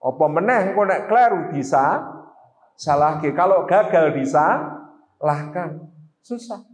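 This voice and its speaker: A male Islamic preacher gives a parenting lecture in a mosque, talking in a lively way, acting out quotes and asking the audience questions. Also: a little high, slow. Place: large mosque hall. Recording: echoey mosque hall.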